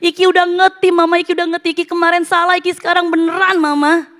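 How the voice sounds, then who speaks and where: A woman's voice: very high voice, little pitch movement, fast, a bit bright, long reverb tail, voice pushed up. A woman voicing her small child who tearfully begs their mother and speaks of themself by name. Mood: pleading. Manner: repetitive, begging, talks about self by name.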